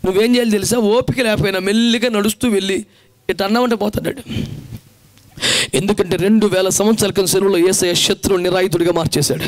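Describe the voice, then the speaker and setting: A man's voice: high-pitched, fairly even intonation, quick pace. A male pastor with a Telugu accent preaching a fervent sermon in a colloquial style, urging the congregation to respond aloud. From India. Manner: colloquial, dramatizing biblical characters in everyday speech.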